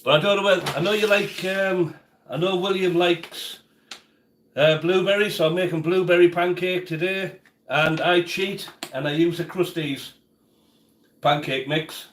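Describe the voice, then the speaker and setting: A chatty man hosts a relaxed cooking stream, talking to his viewers by name while he works at the stove. His voice sits a little high for a man, and the home kitchen gives it a roomy, echoey sound. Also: a little slow, slight background noise. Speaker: cooking livestream host. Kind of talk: casual live-stream chat while cooking.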